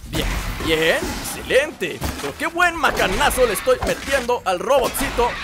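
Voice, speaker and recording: A man's voice: very high-pitched, sing-song, moderate pace, over music. A man with a Latin American Spanish accent, joking and exclaiming his way through live gameplay commentary. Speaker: gaming video host.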